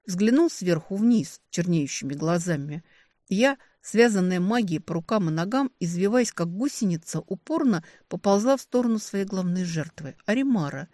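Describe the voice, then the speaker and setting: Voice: mid-range voice, mellow, no room sound. Dramatic audiobook reader, fantasy story, voice rises and drops with the action, dead dry room. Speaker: audiobook narrator.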